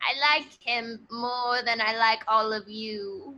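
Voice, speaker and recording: A woman's voice: a little high, steady tone, slow pace, sharp tone, muffled recording, pitched below the performer's own voice. A woman improvising a theatrical, mocking, gleefully scornful arch-villain boss in a comedy sketch. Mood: haughty.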